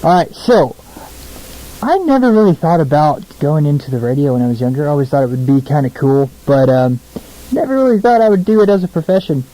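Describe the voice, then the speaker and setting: Alone in a small radio studio, a young American man chats between songs on his casual show. His voice runs on the high side, expressive and warm, and he talks a little fast. He comes across as informal and self-deprecating, though the recording is rough.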